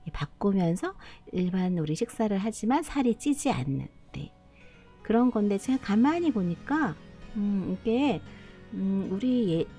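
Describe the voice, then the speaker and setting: A woman's voice: mid-range voice, warm tone. A middle-aged woman hosting a casual live stream, talking motherly to viewers as her children and laughing often.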